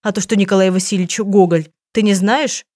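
A woman's voice: medium pitch, fairly even intonation, a little fast, a little mellow, no echo, clean studio sound, lightly acted. A woman reading an audiobook, voicing an eccentric, theatrical aunt who is a writer, in a plaintive, dramatic manner.

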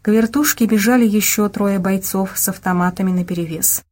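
A woman reading an action audiobook in steady, even scripted narration. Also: mid-range voice, brisk. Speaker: audiobook reader.

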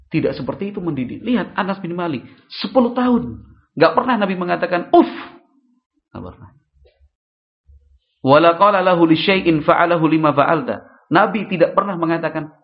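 A medium-pitched male preacher leads an Islamic study lecture, speaking lively and putting rhetorical questions to the audience. The high end of the recording is cut off.

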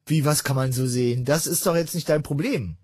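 Male call-in radio host, rambling jokey delivery, high husky voice. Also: a little fast, darkish tone, no room sound. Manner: rambling, joking, many filler sounds.

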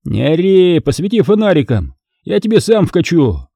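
A cocky, power-drunk young man, as a male reader puts him on in an audiobook crime story. He sneers and talks down to everyone in a raised, lively voice. Close, dry sound. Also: fairly high pitch, normal speed, gravelly, no echo, pitched above the performer's own voice, exaggerated voice. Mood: sneering. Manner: sneering, condescending. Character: arrogant mocking male student, power-drunk, giggling.

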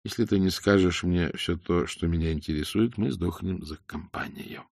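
A fearless spy speaks with cool, measured menace, as a male reader puts him on. His voice sits low and even, and the sound is dry and close. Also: creaky, no room sound. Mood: coldly commanding. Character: cold, unafraid male spy, taunting calmly.

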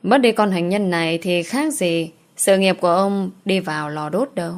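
Low-voiced woman narrator. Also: moderate pace. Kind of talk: reading an audio novel.

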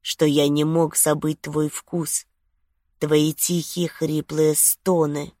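A woman's voice: low voice, steady tone, a little slow, dry recording, clean studio sound. A woman playing a smug, seductive man. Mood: teasing.

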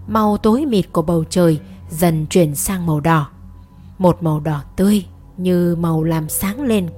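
Woman narrating a horror story. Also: on the low side. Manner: measured, suspenseful storytelling. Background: soft music.

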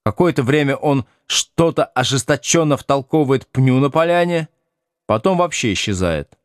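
A man narrating a novel as an expressive audiobook reading. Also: medium pitch, moderate pace, dry recording, studio quality. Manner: lively, acts out the dialogue. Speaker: audiobook reader.

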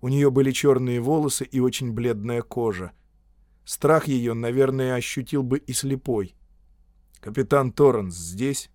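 A man narrating an audiobook in a measured, storytelling manner. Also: medium pitch, fairly even intonation, mellow, no echo, clean studio sound. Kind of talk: scripted narration.

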